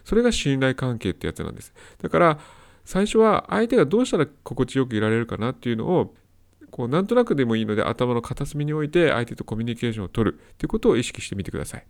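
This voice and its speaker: A man's voice: mid-range voice, very animated, fast, gravelly. A man hosting a solo advice talk, explaining step by step and repeating his key points. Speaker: host of a self-help audio talk.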